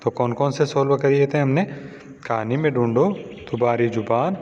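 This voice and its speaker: A man's voice: mid-range voice, moderate pace, darkish tone. A man teaching a children's lesson in in, patiently repeating questions and calling his pupils "beta". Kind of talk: classroom lesson explaining answers. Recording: dull lo-fi audio with long reverb and faint hiss.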